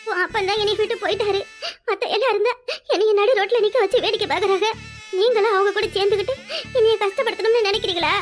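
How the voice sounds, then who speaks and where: A woman voicing a shrill, fast-talking village mother. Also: fairly even intonation, soft background music. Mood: scolding. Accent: southern Tamil, Tirunelveli. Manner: scolding then tenderly coaxing, dialect endearments. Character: weary, devoted village mother of three. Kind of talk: cartoon voice acting.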